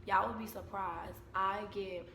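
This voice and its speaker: A young American woman chatting casually to camera at home, telling stories in an informal, unhurried way. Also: mid-range voice, fairly even intonation, gravelly, pushed and bright, soft background music. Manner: informal, unhurried storytelling with repeated phrases. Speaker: vlogger and mother. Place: indoors at home. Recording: echoey room with background noise.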